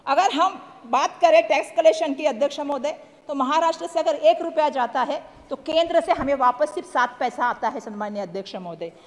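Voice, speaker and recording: A woman delivers an emphatic parliamentary speech in a high voice, returning again and again to address the chair. Her words ring out in a large chamber with a long, echoey reverb. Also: fairly quick, few pauses. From Maharashtra. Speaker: member of parliament.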